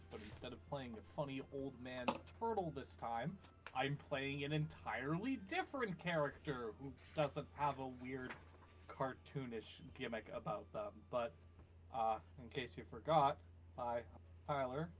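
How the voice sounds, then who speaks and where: A man playing in a tabletop game stream, joking in a slow, dry way. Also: medium pitch, expressive. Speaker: player. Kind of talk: casual chat during a game stream.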